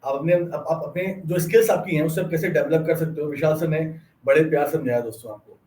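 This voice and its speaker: A man's voice: on the high side, fast talker, a little mellow, slight background noise. A man, a bank exam teacher explaining study tips in a friendly way, addressing viewers as friends. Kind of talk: explanatory lecture. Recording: distant mic in echoey room.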